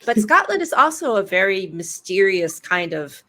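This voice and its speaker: Picture a woman author hosting a casual chat over a video call. She tells her stories with flair, full of sudden dramatic exclamations and quick asides. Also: medium pitch, big pitch swings, sharp tone. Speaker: author interviewing a guest at a bookshop event.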